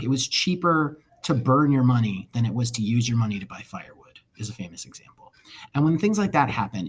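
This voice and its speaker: A man's voice: mid-range voice, slightly rough. A male history teacher giving a casual recorded lecture, conversational with wry asides.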